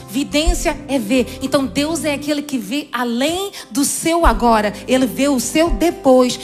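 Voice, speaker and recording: A woman preaching a sermon in a church service, emphatic, telling the congregation to repeat phrases to each other. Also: sits high.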